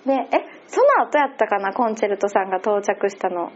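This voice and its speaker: A woman's voice: mid-range voice, expressive, brisk. A woman with a Kansai accent chatting casually and laughing often as she recaps an event. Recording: slightly muffled lo-fi audio.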